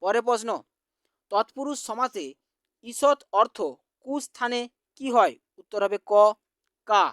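A teacher from West Bengal slowly reading out exam quiz answers, repeating each question. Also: mid-range voice, a bit bright, no room sound, studio quality.

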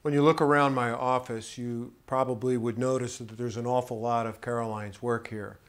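A man's voice: mid-range voice, little pitch movement, normal speed, clear, resonant tone. A middle-aged man speaking earnestly and admiringly in an office interview. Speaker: art collector. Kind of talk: documentary interview. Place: office, indoors.

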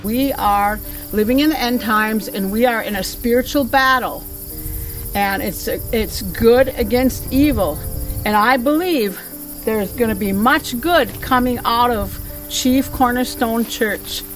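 A woman's voice: a little high, slow pace, recorded from a distance, low-quality recording. A middle-aged woman from Red Lake Nation, the pastor's widow, speaking fervently and emphatically about her faith outdoors. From Red Lake Nation, Minnesota. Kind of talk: testimony interview. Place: outdoors by a new church. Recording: voice from off the mic, music underneath.

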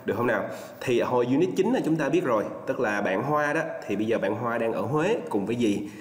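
A man's voice: medium pitch, expressive. Vietnamese man teaching English, echoey room. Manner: drills pronunciation, repeats words slowly for students. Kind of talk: online class lesson. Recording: echoey room with long reverb.

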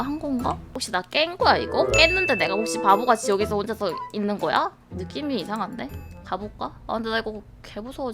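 A young woman streaming a horror game live, shrieking and swearing when scared and bantering with her chat. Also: high-pitched.

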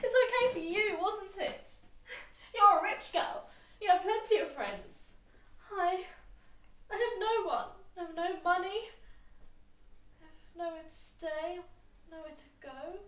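A woman's voice: extremely high pitch, animated, a little slow, a bit bright, heavily acted. A young actress playing an anxious, vulnerable woman abused by her boyfriend in a naturalistic short film. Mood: despairing. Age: young adult. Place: indoors in rooms of a house. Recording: roomy, distant mic, faint noise.

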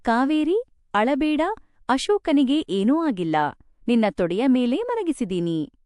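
A woman voicing a gentle, patient elderly mother-in-law who speaks softly and soothingly in a spoken storybook. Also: high-pitched, very animated, measured pace, no echo, clean studio sound. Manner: soft, soothing.

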